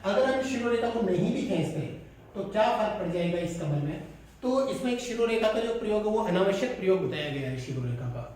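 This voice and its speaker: A man's voice: high-pitched, expressive, brisk, darkish tone. A man gives a college lecture, explaining step by step and pointing at examples on the board. He stands well back from the microphone in a heavily echoing classroom. A faint hiss runs under his voice. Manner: explanatory, with frequent restarts and pointing at written letters. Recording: echoey room, voice from a distance.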